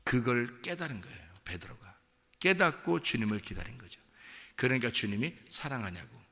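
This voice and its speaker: A man preaches with a gravelly, bright voice, his pitch swinging widely as he drives home each point. He often turns to check in with his congregation. His voice rings with the long reverb of a church hall. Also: sing-song, moderate pace. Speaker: pastor. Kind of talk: sermon. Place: church sanctuary.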